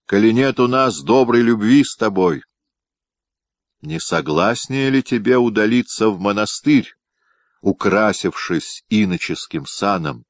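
A man performs a suspicious nobleman husband with a deep, heavy voice, preaching and scolding in a pompous tone. The reading is close and dry, with sudden barked shouts of temper. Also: lively intonation, unhurried, no echo.

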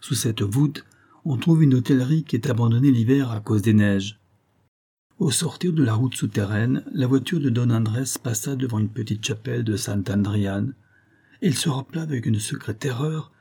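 A man narrating a literary audiobook in a measured, expressive storytelling manner. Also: medium pitch, husky.

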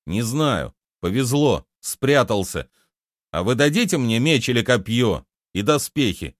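Audiobook: man playing a stubborn peasant boy, earnest, lively, dry close read. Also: medium pitch, a little slow, dry recording. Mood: determined. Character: angry, determined peasant boy. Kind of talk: audiobook character reading.

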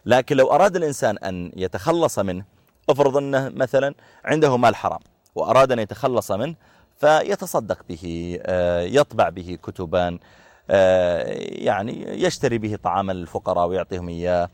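A man teaching a conversational religious lesson, explaining through everyday examples with frequent filler pauses. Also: fairly low pitch, no room sound, studio quality.

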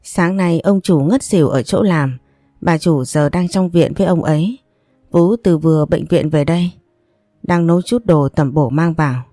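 A woman voicing an elderly, kind family nanny who is flustered and hurried. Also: low voice, dark tone, no room sound, studio quality, faint music behind.

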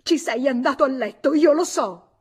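A woman voicing a furious, indignant jilted lover who shouts her accusations in a radio audiobook reading. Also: high voice, moderate pace, pitched above the performer's own voice, natural voice. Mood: furious, accusing.

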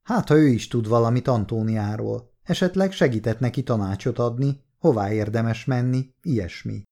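A man reading the lines of a courteous male police detective who asks gentle, persistent questions, in an audiobook. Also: medium pitch, natural voice.

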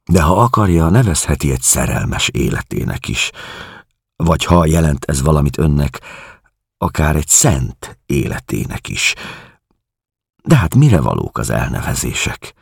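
A man reading an audiobook, voicing a calm, skeptical male listener who speaks cautiously and in a measured way. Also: rumbling low, vocal fry, husky, no room sound, studio quality, exaggerated voice.

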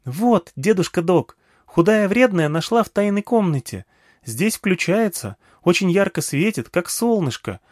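An excitable little girl chirps high and bright, tossing out eager questions with a lively, bouncing lilt, as a male audiobook reader puts her on. The voice sits well above a grown man's normal pitch, recorded close and dry. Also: a little slow, no echo. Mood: chirpy.

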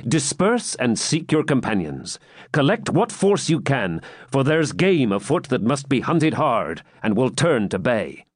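An actor reading the part of a brisk male outlaw leader giving firm orders in an audiobook. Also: medium pitch, very animated, no echo, studio quality, voice pushed up. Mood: commanding.

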